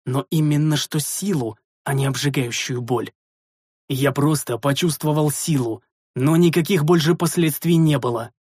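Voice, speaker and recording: A man narrating a first-person fantasy audiobook in a measured, steady reading voice. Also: a little high, breathy edge, no room sound, studio quality.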